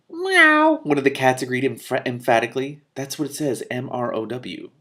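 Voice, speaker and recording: A fantasy novel is read aloud by a man who also provides commentary. His delivery is animated, with character lines pitched up and louder, and between passages come quick mutters, laughs and swearing asides.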